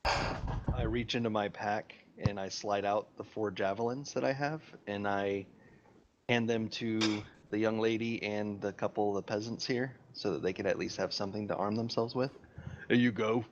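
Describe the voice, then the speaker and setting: A man's voice: fairly low pitch, steady tone, normal speed, lo-fi sound, slight background noise. A man playing a tabletop game, describing his character's actions in the first person. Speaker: player. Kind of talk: tabletop game play over voice chat.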